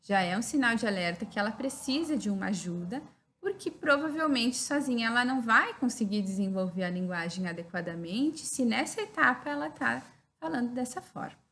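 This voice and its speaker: Bright-voiced Brazilian woman lecturing. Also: a little high, expressive, a little fast, slight background noise. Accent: Brazilian Portuguese. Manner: didactic, frequent "né?" tag questions. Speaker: teacher giving a video lecture. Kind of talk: explanatory lecture.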